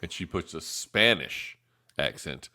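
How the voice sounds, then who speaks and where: A man co-hosting a casual live review show, rambling with lots of fillers and quick bursts of laughter. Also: extremely low pitch, expressive, pushed and bright. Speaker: co-host of a soda review show.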